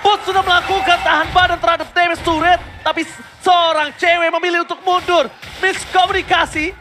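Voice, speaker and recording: An esports caster calling live play-by-play in an excited fighting game announcer style. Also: very high-pitched, a little fast, background noise.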